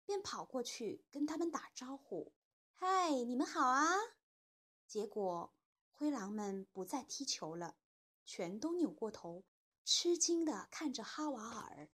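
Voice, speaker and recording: A woman narrates a children's storybook in a high, lively voice that rises and falls a great deal. Her tone is gentle and expressive, with a soft, breathy texture. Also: a little slow. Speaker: storytelling host, a mother.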